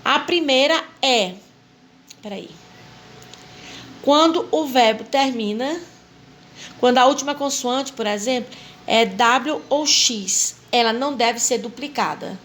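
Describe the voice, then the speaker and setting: A woman's voice: high-pitched, a little slow, long pauses, slight background noise. A Portuguese-speaking woman teaching an English grammar lesson to a class, patiently spelling out rules step by step and repeating them.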